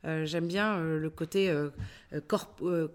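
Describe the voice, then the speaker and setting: Parisian woman, middle-aged, voice coach; animated delivery, lots of "euh" fillers, slightly low pitch. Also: a little slow. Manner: animated, many hesitations and fillers. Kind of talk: casual interview talk.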